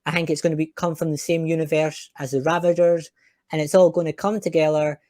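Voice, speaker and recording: A man's voice: on the high side, level tone, brisk, a little mellow, no echo, clean studio sound. A man hosting a podcast, chatting in an opinionated, chatty way with some fillers. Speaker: podcast host. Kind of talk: casual chat.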